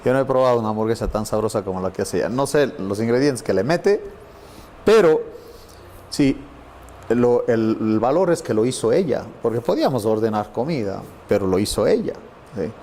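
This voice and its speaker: A middle-aged man teaches a Bible class in an easy, conversational way. He tells stories and slips into the voices of the people he quotes. His voice sits at a middle pitch, with a faint hiss behind it. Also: normal speed. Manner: animated storyteller, acts out quoted voices.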